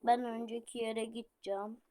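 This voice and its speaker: A young woman playing a game with a friend, needling and teasing her and counting the seconds out loud. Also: fairly high pitch, little pitch movement, normal speed, slight background noise. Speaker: gamer. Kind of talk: casual gaming banter.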